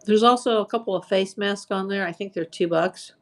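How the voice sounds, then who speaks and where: A fairly quick, mid-range voice belongs to a woman selling on a live auction stream, greeting people by name and describing items in relaxed chat. She sounds worn out and a touch hoarse from talking for hours.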